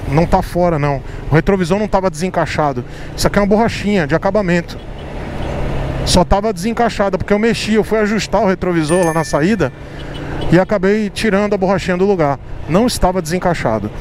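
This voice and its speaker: High-voiced man vlogging from a motorcycle. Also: fast talker. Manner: repetitive, explanatory, addresses viewers directly. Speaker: motovlogger. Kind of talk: casual motovlog talk while riding. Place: riding a motorcycle in city traffic. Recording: loud street and engine noise. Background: traffic and engine noise.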